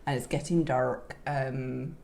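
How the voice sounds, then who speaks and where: A woman with a South Island New Zealand accent, co-hosting a podcast in casual, halting talk that often repeats phrases. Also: rumbling low, steady tone, creaky, mellow. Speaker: co-host of a knitting and crafting podcast. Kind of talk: casual unscripted co-host chat.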